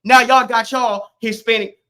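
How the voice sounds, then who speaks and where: A man's voice: extremely high pitch, steady tone, normal speed, bright, forceful tone. A man from Florida streaming live, ranting at his chat in a brash, confrontational, mocking way.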